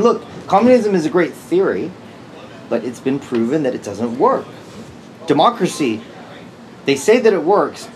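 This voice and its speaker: A man's voice: a little high, slight background noise, rough recording. An opinionated man, from Texas, tells history in casual chat, swearing freely and acting out voices.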